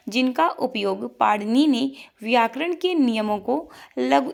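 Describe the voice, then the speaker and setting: A woman's voice: on the high side, vocal fry. A woman teacher giving an online exam-prep lesson, drilling her students by asking a question and answering it herself, repeating each item.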